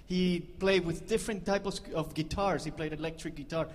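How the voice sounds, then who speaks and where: On a concert stage, a band leader jokes and chats with the audience between songs, laughing at his own jokes. His fairly high voice is steady and moderately paced, with live concert hall reverb around it.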